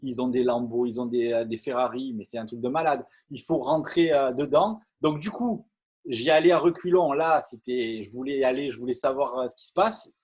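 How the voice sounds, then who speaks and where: Husky, excitable middle-aged Frenchman. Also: mid-range voice, a little fast. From France. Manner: lively, repeats words and stumbles, many fillers. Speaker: network marketing speaker. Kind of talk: animated storytelling talk to an audience.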